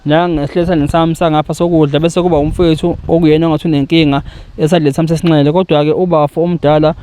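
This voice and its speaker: A man's voice: a little high, flat delivery, very fast, warm tone, clear, resonant tone. A South African man with a Zulu accent, hosting and interviewing in a conversational way, mixing in some English words. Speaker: host for a community aid organisation. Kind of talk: spoken introduction and interview, code-switching with some English words.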